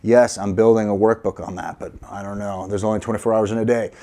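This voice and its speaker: A man's voice: lowish voice, level tone, quick pace, mellow. A middle-aged man teaching a casual piano lesson, encouraging and counting aloud, a little sleepy. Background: piano playing.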